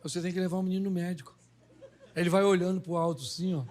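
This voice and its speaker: A middle-aged man, a pastor, preaching a humorous sermon and acting out dialogue in quick, animated voices. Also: high voice.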